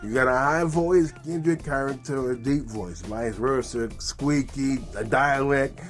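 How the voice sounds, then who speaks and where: A man's voice: medium pitch, measured pace, faint music behind. A man teaching ventriloquism in an upbeat, slangy, chatty way. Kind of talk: casual tutorial.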